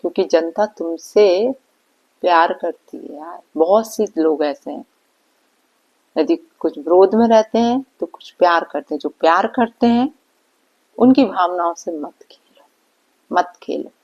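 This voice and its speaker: A woman's voice: on the low side, unhurried, a little mellow, lo-fi sound. A woman vlogger giving a reaction commentary, scolding and indignant, firing off rhetorical questions. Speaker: vlogger reacting to online drama.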